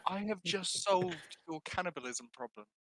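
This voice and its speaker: A man's voice: high-pitched, animated, normal speed, fairly bright tone. A man playing a tabletop game, talking in a playful, wheedling way. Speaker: player.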